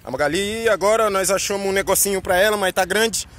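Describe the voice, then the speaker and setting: His voice high-pitched, fairly quick, and a touch bright, a man with a Brazilian Portuguese accent walks his dogs outside along a street. He talks to them casually, chatty and coaxing.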